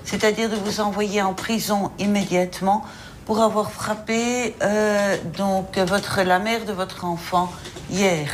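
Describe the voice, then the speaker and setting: A woman's voice: medium pitch, steady tone, slow pace, a little hiss or hum. A woman judge sternly questioning a defendant in her office. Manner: stern, pointed, interrogating. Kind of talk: courtroom questioning.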